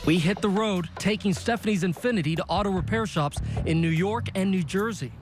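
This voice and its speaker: High-pitched male TV investigative reporter. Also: a little fast, over music. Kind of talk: scripted investigative narration.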